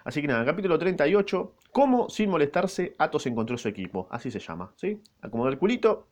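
A man's voice: a little high, sing-song, fast. A man with an Argentine accent reading a novel aloud casually, breaking in with slangy jokes. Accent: Argentine Rioplatense Spanish. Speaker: reader of a novel. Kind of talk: casual read-aloud with comments.

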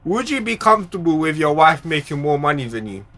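A man's voice: on the high side, very animated, fairly quick, bright, forceful tone. A young man with a London accent and slangy roadman manner, hosting a casual group chat. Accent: London, multicultural street slang. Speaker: podcast host.

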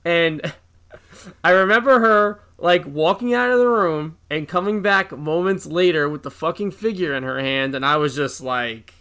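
A man in his thirties co-hosts a podcast and tells casual anecdotes. His voice is bright and fairly high for a man, and he is animated and profane, acting out the quotes. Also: normal speed, smooth. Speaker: podcast co-host. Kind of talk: casual storytelling chat.

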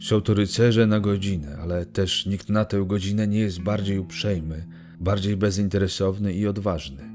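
A man narrating a literary story in a measured, solemn reading. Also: sits low, warm tone. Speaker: audiobook narrator. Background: guitar music.

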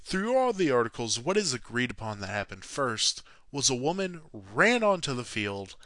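A man's voice: mid-range voice, very animated, normal speed, pushed and bright, dry recording. A man narrating a sports history story from a script, sarcastic and self-mocking, with frequent swearing. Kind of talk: read-from-script narration with jokey asides.

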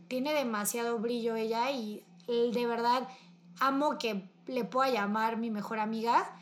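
A young woman with a Mexican accent, talking casually and warmly about her best friend, heavy on slang and fillers. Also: a little high, fairly even intonation, a little slow. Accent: Mexican Spanish. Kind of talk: casual emotional chat with a friend.

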